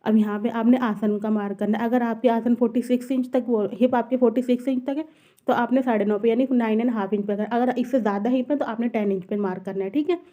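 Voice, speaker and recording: A woman walks through cutting a dress in a quick tutorial. Her voice is mellow and soft-edged, her pace brisk. She repeats each step patiently. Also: on the high side, steady tone, lo-fi sound. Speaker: tailoring teacher.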